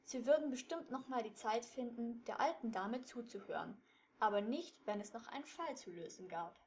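A woman's voice: fairly high pitch, expressive, moderate pace. Woman reading a kids' detective story.

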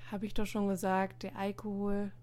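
A woman's voice: medium pitch, monotone, moderate pace, warm tone, natural voice. A woman reading a story aloud and voicing an exasperated teenage schoolboy who answers in irritated, sighing replies. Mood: flustered.

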